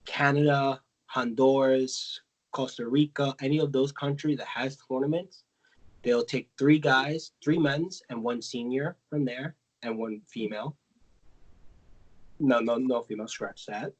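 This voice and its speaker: A man's voice: mid-range voice, steady tone, unhurried, poor audio. A man from the States talking loosely on a podcast. He rambles along with lots of ums and restarts, catching and fixing his own mistakes as he explains. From United States. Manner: rambling, self-correcting, many fillers. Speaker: podcast co-host. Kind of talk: casual podcast chat.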